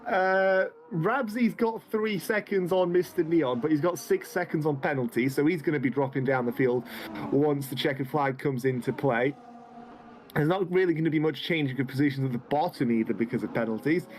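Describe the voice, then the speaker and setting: A man's voice: a little high, a little hiss or hum. A man of twenty commentating a sim racing event live, calling the action and joking with his co-host. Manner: joking, quick banter between race calls.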